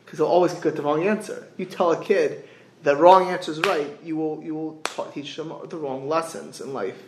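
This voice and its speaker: A man in middle age teaches in the informal way of a rabbi giving a class. His voice sits a little high for a man. He restarts and repeats phrases and asks rhetorical questions, and the room around him is clearly echoey. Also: fairly even intonation, normal speed, a little mellow, a little hiss or hum. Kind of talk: informal sermon, explaining texts with anecdotes.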